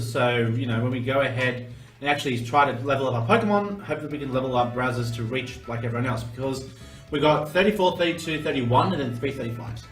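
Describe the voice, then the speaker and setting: A man's voice: medium pitch, a bit bright. A man giving casual, informal let's play commentary as a gaming YouTuber, sweary and exclamatory. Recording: roomy, distant mic under game music.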